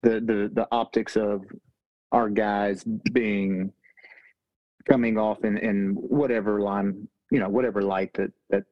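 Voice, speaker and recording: A man's voice: on the low side, steady tone, measured pace, no echo, highs cut off. A man on a casual sports podcast, speaking emphatically and critically about decisions he disagrees with.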